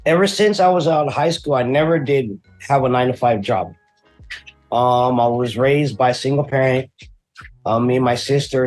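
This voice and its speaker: A relaxed man from Hawaii tells his life story as an interview guest, talking loosely and casually with plenty of "uh" and "dude." His voice sits at an ordinary middle pitch for a man. Soft music plays faintly in the background. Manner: laid-back and slangy, drifting through stories with many fillers. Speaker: guest, custom painter and tattoo artist.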